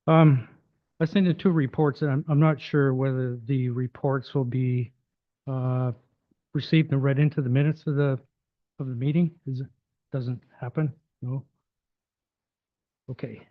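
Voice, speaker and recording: A hoarse man speaks at a council delegation table, stumbling over fillers and restarts as he reads from prepared notes. The sound is tinny and phone-like with a dry, close feel. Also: mid-range voice, dry recording. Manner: hesitant, many fillers and restarts. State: losing his voice. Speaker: resident delegate addressing council. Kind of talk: formal public delegation, partly read aloud. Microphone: table microphone.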